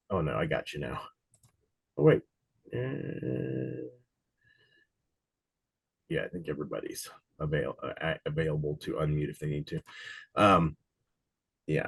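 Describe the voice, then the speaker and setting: Running a casual live online study session for an insurance exam, a man from Cincinnati, USA rambles loosely with many fillers. A cold has left his low, rumbling voice slightly raspy, and there's no echo.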